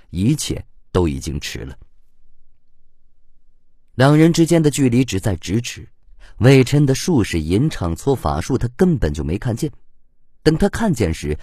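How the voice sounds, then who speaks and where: Expressive male audiobook narrator, dry sound. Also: medium pitch, husky, no room sound. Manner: expressive storytelling. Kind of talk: scripted narration.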